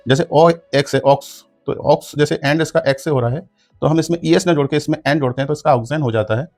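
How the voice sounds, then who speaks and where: A man's voice: fairly high pitch, quick pace, a little mellow, faint music behind. A man teaching an English grammar lesson in Hindi, explaining rules step by step and spelling words out letter by letter. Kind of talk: classroom lesson.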